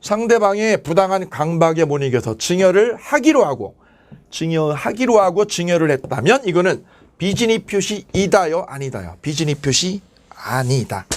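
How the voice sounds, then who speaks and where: A man teaching an exam-prep law class, asking quick questions and answering them himself. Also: high-pitched. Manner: animated, asks and answers his own questions. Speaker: lecturer.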